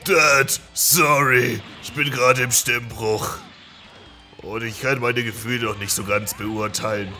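A man parodying an apologetic eleven-year-old boy with an exaggeratedly low, solemn voice. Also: fairly even intonation, a little slow, sharp tone, a little hiss or hum. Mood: mock solemn.

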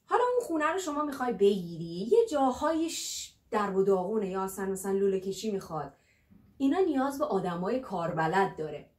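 A young woman teaching an English lesson in a playful, casual way, slowing down for English words. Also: medium pitch, animated, darkish tone, reverberant. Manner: playful, switches between Persian and slow English.

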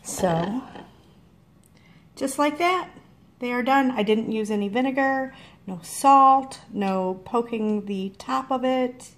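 In her home kitchen, a woman filming herself on a handheld phone shows how she cooks, chatting in a rambling way and correcting herself; she's a farm vlogger. Her voice is a little high and her pace is slow.

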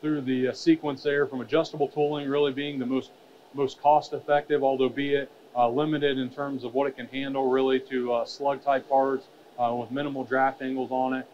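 A man's voice: medium pitch, little pitch movement, brisk. A man in his thirties giving a trade show presentation on a stage, talking with many fillers and restarts. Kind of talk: conference presentation. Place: expo stage with curtained backdrop. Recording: dull lo-fi sound with faint hall noise.

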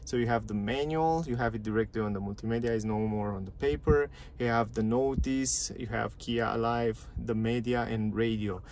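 A man's voice: mid-range voice, moderate pace, hardly any pauses, a little mellow, a little hiss or hum. A man casually walking through a car's dashboard and touchscreen menus, chatty and repetitive, in a parked car. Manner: chatty, repeats phrases, non-native grammar. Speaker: car reviewer. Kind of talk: casual walkthrough.

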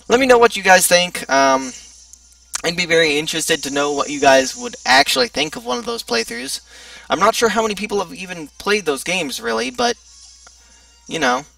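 A man's voice: very high-pitched, gravelly, pushed and bright, dry recording, distant mic. A young man giving sarcastic, joking commentary while playing a video game. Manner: joking, sarcastic, chatty asides. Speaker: let's play gamer. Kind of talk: casual gameplay commentary.

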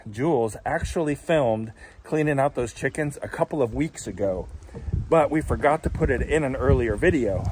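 A man's voice: mid-range voice, a little hiss or hum. Chatty American man touring his homestead. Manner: relaxed, chatty, explaining as he goes. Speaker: homestead vlogger. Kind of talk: casual walking tour vlog. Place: outdoors on a forested homestead. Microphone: phone held at arm's length.

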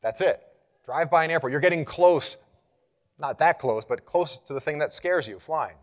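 A man speaking as a conference presenter, energetic and engaging, leading the audience through exercises and getting louder as he rallies the room. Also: a little high, moderate pace. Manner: animated, gets louder when rallying the room. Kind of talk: live conference talk.

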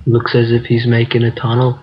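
A man co-narrating a video game in a deadpan mock-documentary manner. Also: medium pitch, fairly quick, slightly rough. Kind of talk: mock-documentary commentary over gameplay. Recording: dull lo-fi mic.

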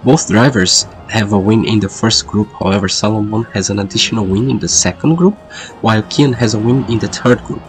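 A sim racing commentator and host calls race qualifying while sick with a lingering cold, his voice congested and duck-like. It sits lowish and runs a little fast, and the low-quality recording has background music behind him.

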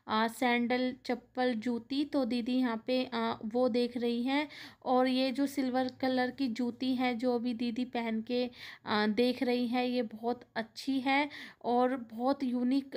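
A woman with a Delhi accent narrating a shopping vlog in a busy market, chatty and explaining as she walks with a handheld phone. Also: on the high side. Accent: Delhi Hindi. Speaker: vlogger. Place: busy indoor and street market. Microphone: handheld phone camera.

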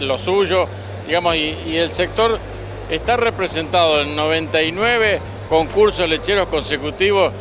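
A man in his sixties with an Argentine accent conducts a field interview. His voice sits a little high, and music is clearly heard behind him. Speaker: interviewer, reporter. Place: indoor exhibition hall at a farm show. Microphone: handheld microphone.

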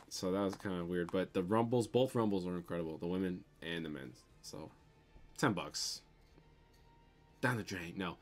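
Speaking in a deep voice, a young Midwestern man runs a toy unboxing livestream indoors from his bedroom. He talks loosely in his Midwestern American accent, responding to viewer comments, dropping lots of ums and swearing casually.

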